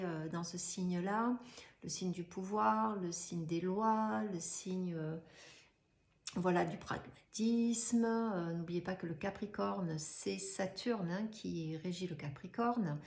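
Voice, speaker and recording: A woman's voice: medium pitch, darkish tone. A woman, an astrologer who explains in a chatty, casual way, with many fillers and rhetorical questions. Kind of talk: casual explanatory video talk. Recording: echoey room.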